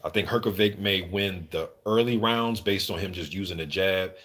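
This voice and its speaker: Low and a bit bright, his voice moves at normal speed. He's a livestream host commentating on boxing, chatting casually with viewers in slangy, informal talk that includes some swearing.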